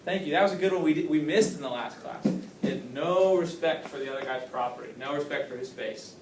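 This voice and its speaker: A man's voice: fairly high pitch, quick pace, noisy background. Guy teaching a class, questions n praise, echoey room, mic far away. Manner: upbeat, questioning, praising answers. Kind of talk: classroom lesson.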